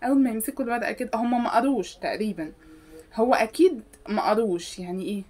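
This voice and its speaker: A woman's voice: a little high, rapid-fire, a little mellow. A woman with an Egyptian accent delivering a sarcastic, scolding comic monologue. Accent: Egyptian Arabic. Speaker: comedy sketch creator. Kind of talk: comedic monologue to camera.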